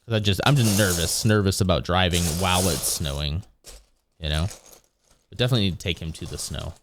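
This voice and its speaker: A man's voice: low voice, a little fast, noisy background. A man streaming live, chatting casually and rambling with his viewers, chuckling often as he goes.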